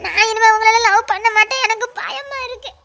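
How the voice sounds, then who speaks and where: Very high bright voice, woman as a scared village girl, pleading. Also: a little fast, slight background noise, full character voice. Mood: fearful. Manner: pleading, repeating herself anxiously. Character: frightened young village girl in love. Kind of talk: amateur village drama.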